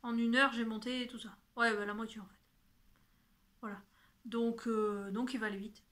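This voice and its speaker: Her voice is fairly high and level, a bit bright, at a moderate pace. Holding up knitting and yarn, this knitting video podcast host chats casually to camera and keeps correcting herself as she goes.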